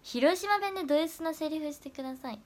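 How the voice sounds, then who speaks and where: A young woman, an idol trainee, chatting casually on a livestream and answering viewer comments, often dropping into soft whispers. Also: sits high, fairly quick. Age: young adult.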